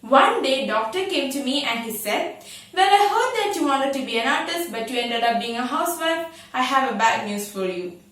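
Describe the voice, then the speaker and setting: A woman's voice: high-pitched, lively intonation, moderate pace, fairly bright tone. A teenage girl declaiming a memorised speech as a student, with prim, precise elocution. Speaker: student contestant in a declamation contest. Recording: very echoey room, distant microphone.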